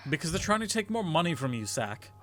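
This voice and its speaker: Animated, theatrical young man streaming a game. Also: a little high, quick pace. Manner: joking, theatrical, sweary. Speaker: streamer, host. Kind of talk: casual chat and commentary over a game. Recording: game music playing behind.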